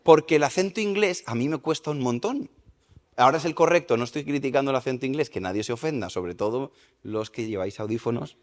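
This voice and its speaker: A man preaching a sermon at a church service, lively and questioning the congregation. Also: medium pitch, fast talker. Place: church service in a large hall. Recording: reverberant church hall.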